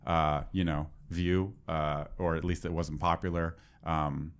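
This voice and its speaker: A man's voice: extremely low pitch, little pitch movement, a little slow, smooth. A man in casual conversation, rambling with lots of fillers as he talks shop. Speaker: podcast co-host, developer. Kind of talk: casual chat.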